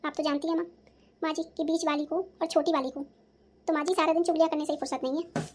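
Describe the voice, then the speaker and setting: A woman voicing a sharp-tongued young daughter-in-law in a cartoon, answering back defensively. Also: high voice, little pitch movement, fast talker, close to an everyday voice. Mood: defiant. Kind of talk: cartoon voice acting.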